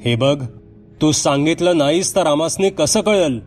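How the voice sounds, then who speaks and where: A stern older village man in a spoken horror tale, pressing hard with repeated questions, as a narrator puts him on. The voice is pitched above the narrator's own, with soft music underneath. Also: unhurried, lightly acted. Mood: insistent. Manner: firm, insistent questioning.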